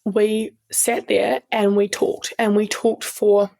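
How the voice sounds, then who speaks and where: Slow and level, her gravelly, mellow mid-range voice carries a New Zealand accent. As a guest in a casual interview, this strength coach and sports medic tells stories earnestly, with many ums and restarts.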